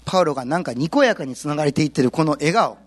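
A male pastor giving a sermon, telling the story with lively, acted-out quotes. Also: fairly high pitch, racing, dry recording. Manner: animated storytelling, acts out quotes.

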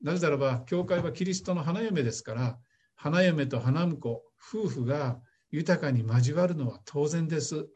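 Man, dark tone, husky, fervent church prayer. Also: a little high, normal speed. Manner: earnest, fervent prayer cadence. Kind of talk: spoken prayer.

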